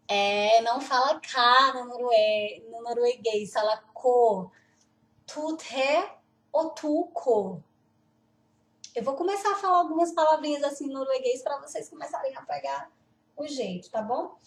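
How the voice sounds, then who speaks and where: A woman teaching Norwegian pronunciation, slowly repeating words and laughing now and then. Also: high voice, distant mic. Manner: slow, repeats words carefully, laughs often. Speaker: language teacher. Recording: roomy echo, off-mic.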